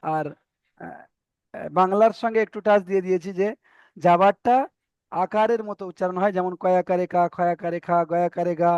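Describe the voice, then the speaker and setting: A man's voice: sits high, steady tone, moderate pace, long pauses, darkish tone, clear, resonant tone, no room sound, dull audio. A man teaching Arabic letter reading in an online class, patiently repeating each point and checking that students follow.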